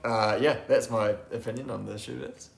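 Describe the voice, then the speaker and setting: A man's voice: medium pitch, steady tone, moderate pace, vocal fry, echoey room. A man giving casual race commentary with dry, teasing banter.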